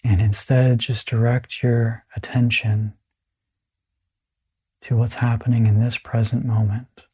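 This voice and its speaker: With pauses between phrases, a man conducts a guided meditation in a soft, breathy, mid-range voice that sounds calm and soothing.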